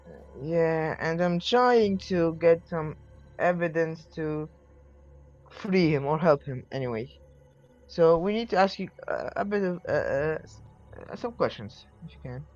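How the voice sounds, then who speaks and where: A man's voice: fairly high pitch, a little slow, dull audio. A man playing his character in a tabletop game, talking in a hesitant, stumbling way. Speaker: player. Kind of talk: in-character tabletop role-play.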